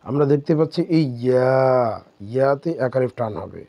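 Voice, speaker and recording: Man, Quran reading lesson, patient letter-by-letter drilling, mid-pitched voice, dry sound. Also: animated, creaky, warm tone, dry recording. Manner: slow, drawn-out syllable drills. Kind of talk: step-by-step recitation lesson.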